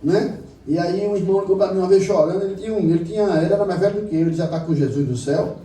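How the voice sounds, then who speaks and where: Impassioned pastor preaching in a roomy hall. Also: male voice, high-pitched, racing. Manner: impassioned preaching, swings from quiet storytelling to loud exclamations. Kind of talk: sermon. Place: church meeting room. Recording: roomy hall recorded from a distance.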